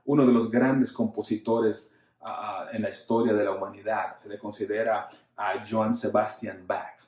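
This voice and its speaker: A man's voice: on the low side, level tone, normal speed, darkish tone, echoey room. A man preaching a sermon earnestly, repeating words for emphasis and addressing the congregation as brothers. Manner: earnest, addresses listeners formally as usted and hermanos. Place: church.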